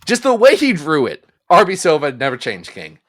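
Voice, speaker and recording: A man co-hosting a comics podcast in casual comedic chat, jokey and animated, swinging between loud bursts and mumbles. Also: a little high, moderate pace. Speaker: podcast co-host.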